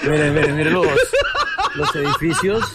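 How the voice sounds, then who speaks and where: A man, filming a live street vlog and chatting excitedly with his viewers in a packed outdoor fan zone. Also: fairly high pitch, normal speed. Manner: excited, chatty, joking with the camera. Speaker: vlogger. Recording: loud crowd noise outdoors.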